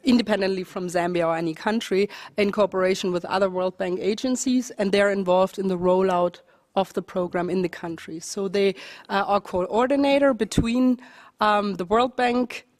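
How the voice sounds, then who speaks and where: A woman speaking on a conference panel, explaining her research earnestly in quick runs, with occasional restarts. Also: mid-range voice, darkish tone, no room sound, studio quality. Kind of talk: conference presentation and answers.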